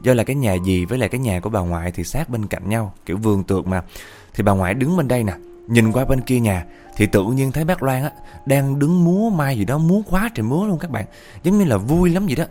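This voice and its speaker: A man telling a ghost story in a chatty, animated way, often speaking to his listeners. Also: mid-range voice, fast talker, soft background music. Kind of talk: casual ghost-story narration.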